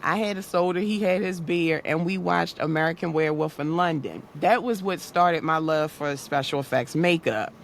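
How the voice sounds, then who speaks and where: A woman guest on a podcast, telling a personal story in an animated way and acting out the dialogue. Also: sits low, normal speed, few pauses, a little hiss or hum. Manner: animated, acts out quoted dialogue. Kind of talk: casual storytelling.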